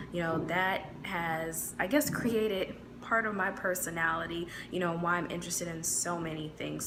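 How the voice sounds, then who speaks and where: There's background noise as an American woman with a Midwestern accent vlogs, talking easily and chattily to camera. She has a lowish voice and leans heavily on filler words.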